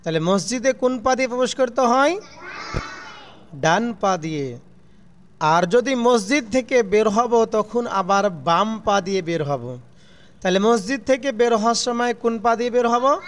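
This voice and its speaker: A man's voice: high voice, a little slow, a little hiss or hum. A man teaching children a religious lesson, asking questions and answering them himself in a falling tone, call-and-response style.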